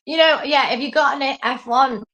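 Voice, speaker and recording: A woman's voice: sits high, normal speed, lo-fi sound. A woman chatting casually as a co-host, telling stories in a rambling, self-mocking way with some swearing. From lived in Singapore, English family. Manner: rambling, animated storytelling with self-mockery and swearing. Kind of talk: casual chat.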